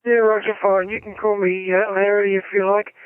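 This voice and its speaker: A man, a ham radio operator talking haltingly over a narrow AM-style radio link. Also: high voice, level tone, clean tone, no echo. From New Zealand. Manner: halting, many ums, signs off with "over". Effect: heard over a narrow AM-style radio link. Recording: tinny lo-fi radio audio.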